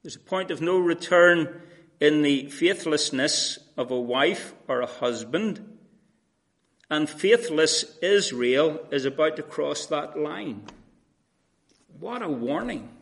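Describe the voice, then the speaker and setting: A man's voice: fairly high pitch, animated, slow pace, creaky, a bit bright. A man preaching an earnest, conversational sermon, often restarting his phrases.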